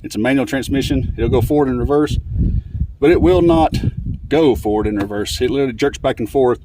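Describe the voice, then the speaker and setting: A man talks through his work on an old truck outdoors, winded and rambling, with lots of fillers. His voice sits at an ordinary middle pitch. He records on a handheld phone, with faint noise behind him. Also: fairly quick. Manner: rambling, filler-heavy, laid-back. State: out of breath. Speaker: vlogger fixing an old truck. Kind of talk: casual working commentary.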